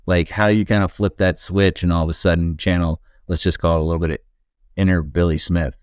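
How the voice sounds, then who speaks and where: A man hosting a podcast, asking relaxed, searching questions with casual fillers. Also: sits low, fairly quick, clear, resonant tone, no echo, studio quality. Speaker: podcast host. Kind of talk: interview questions.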